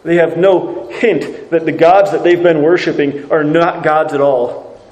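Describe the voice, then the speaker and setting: A man's voice: on the high side, fairly even intonation, a little slow, darkish tone, echoey room, low-quality recording. A man preaching a sermon, reading scripture and asking earnest rhetorical questions.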